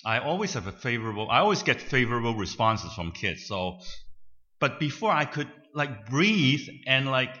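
A man's voice: mid-range voice, sing-song, normal speed, sharp tone, lo-fi sound. An older man telling a story to an audience in a conversational way, often checking in with "right?". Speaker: speaker addressing an audience. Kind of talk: storytelling talk.

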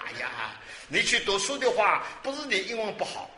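A man in his sixties preaching a sermon, lively and exclamatory, asking questions and answering them himself. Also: high voice, moderate pace, a little hiss or hum. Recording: roomy hall with faint ambience.

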